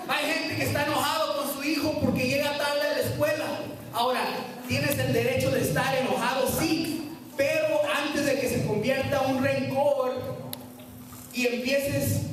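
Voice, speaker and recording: A man preaches at a retreat, acting out quotes with dramatic shifts. His voice sits very high. He is recorded from a distance in a hall with heavy echo. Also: background noise. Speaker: retreat speaker. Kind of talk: sermon. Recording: echoey hall, distant from the mic.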